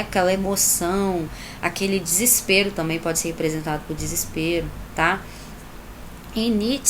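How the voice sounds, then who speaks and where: A woman's voice: mid-range voice, a little hiss or hum. A woman teacher with a Brazilian Portuguese accent, recording an online class from home, chatty and explaining with many tag questions.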